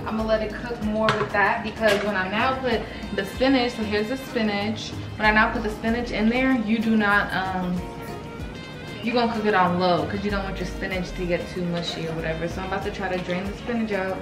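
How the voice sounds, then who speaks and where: A woman in her twenties, talking casually and relaxed in a home kitchen while she cooks for her vlog. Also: mid-range voice, fairly quick. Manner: chatty, relaxed, filler-heavy explaining while cooking. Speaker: vlogger. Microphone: camera mic from a few feet away. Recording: roomy kitchen echo, distant mic, loud music underneath. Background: loud Afrobeat music.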